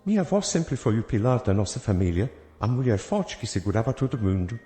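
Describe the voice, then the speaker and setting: A man's voice: mid-range voice, big pitch swings, fairly quick, dark tone. A man narrating a dramatic first-person family story, emotive and theatrical in delivery. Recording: echoey reverberant room with faint music.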